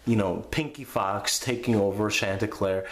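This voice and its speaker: Drunk, rambling man with a low voice. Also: normal speed. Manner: drunk, rambling and losing his thread; crude, profane. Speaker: host of a movie review show. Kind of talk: casual unscripted film review rant. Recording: echoey room with background noise.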